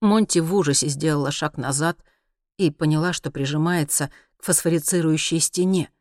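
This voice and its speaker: A man narrating a science fiction audiobook in a steady, even storytelling voice. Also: on the high side, moderate pace, dry recording, studio quality.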